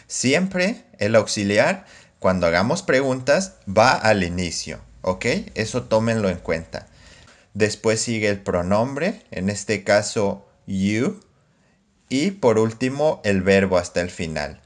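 Slow, low-voiced male English teacher. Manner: slow, careful drilling of example phrases. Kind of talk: scripted online English lesson.

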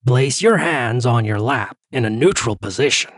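A man voicing a calm male therapist who talks a patient through breathing exercises in a story reading. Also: mid-range voice, dry recording, clean studio sound, close to an everyday voice. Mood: soothing. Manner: slow, soothing instructions.

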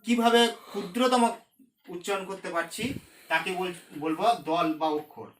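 A man teaching a recorded lesson, explaining slowly and repeating key terms. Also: high voice, a bit bright, echoey room, slight background noise.

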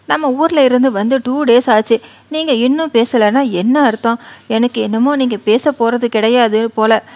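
Brief: a woman doing a tearful young wife in a storybook romance, soft and pleading, high-ish voice. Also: normal speed, lightly acted.

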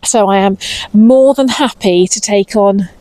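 Her mid-range voice is mellow and a little slow as this English woman in her fifties prunes in her outdoor cottage garden. She chats casually to camera on a lapel mic, slightly anxious as she works, in a dry, low-quality recording.

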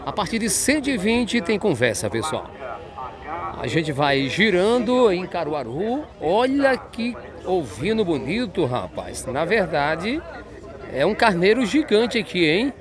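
Here the host's voice is high-pitched and very animated, though a little slow. He walks an outdoor livestock fair for his market vlog, talking with sellers and passing their prices on to viewers, with a busy crowd and animals audible in the background.

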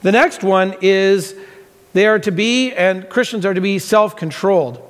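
A man in his forties delivers a sermon from a large church stage with a high, light voice. He talks in an earnest, conversational way and repeats key phrases for emphasis. The sound carries a long sanctuary reverb. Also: measured pace. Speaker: pastor.

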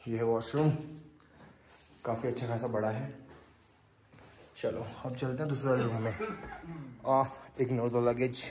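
Male travel vlogger, chatty and slow, noisy action-camera sound. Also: mid-range voice. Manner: chatty, addresses viewers as guys, mixes English into Hindi. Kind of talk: casual travel vlog narration.

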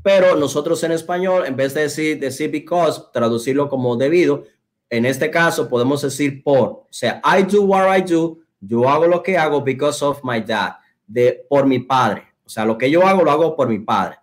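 A man teaching English pronunciation online, speaking deliberately and repeating phrases for students. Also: medium pitch.

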